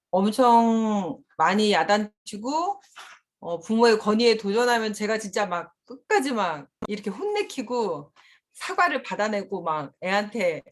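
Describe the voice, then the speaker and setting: Brief: middle-aged woman, seminar speaker, candid and laughing easily, mid-pitched voice. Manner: candid, laughing often while recounting. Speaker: seminar speaker, mother and school principal. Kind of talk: conversational seminar talk.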